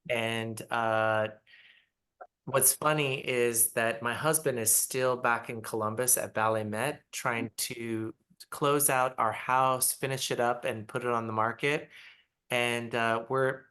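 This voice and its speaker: A middle-aged man from Taiwan, answering interview questions on a video call in a reflective way with many pauses. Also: mid-range voice, fairly even intonation, sharp tone. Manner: unhurried, reflective, with frequent pauses and fillers. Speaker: interview guest, ballet artistic director. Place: small apartment.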